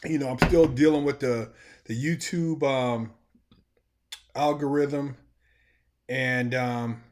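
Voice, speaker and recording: A man's voice: mid-range voice, fairly even intonation, slow. American male streamer, mid-range voice, casual and colloquial, talking to his online audience. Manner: laid-back, colloquial, often saying "man". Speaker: live streamer, channel host. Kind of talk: casual livestream chat to viewers.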